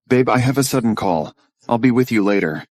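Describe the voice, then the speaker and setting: A man's voice: mid-range voice, lively intonation, a little fast, darkish tone, dry recording, lightly acted. A man dubbing a smug young man posing as a CEO, fawning over his fiancée, recorded dry in a studio. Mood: smarmy. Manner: smug, smarmy. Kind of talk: English drama dub.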